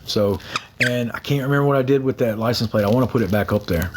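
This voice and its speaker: A young man hosts a casual phone livestream, chatting with viewers in a rambling way, repeating himself and thanking people by name. His voice is medium-pitched and he talks fast over heavy background noise.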